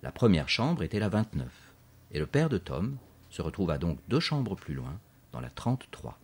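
A man reading a children's story aloud in a measured, clear narration. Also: deep voice, very animated, a little mellow.

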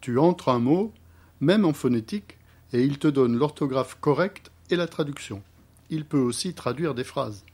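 A man voicing a gentle father who patiently explains things to his son, in a storybook reading. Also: medium pitch, expressive, normal speed, husky, voice pushed up.

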